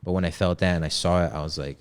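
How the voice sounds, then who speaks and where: Young man with a very low voice, relaxed and slangy; a guest telling a candid story on a podcast. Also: racing, clean tone. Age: 20s. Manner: slangy and candid, heavy on "yo" and "bro". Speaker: podcast guest, men's coach. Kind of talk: casual storytelling.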